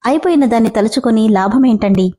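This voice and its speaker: A woman reading the lines of a gentle middle-aged mother who pleads for her son. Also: a little high, quick pace, close to an everyday voice. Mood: pleading. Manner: pleading, soft.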